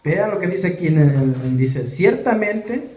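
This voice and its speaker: A man's voice: fairly high pitch, normal speed, dark tone. A man preaching a sermon, with many rhetorical questions to the congregation. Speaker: pastor. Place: church hall. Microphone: camera or phone in the room. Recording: echoey church room, faint noise.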